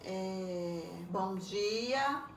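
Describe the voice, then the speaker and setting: A woman, a primary school teacher correcting homework in a recorded lesson, explaining slowly and patiently with frequent checking tags. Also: mid-range voice, expressive. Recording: roomy echo, voice a bit far from the mic, faint background noise.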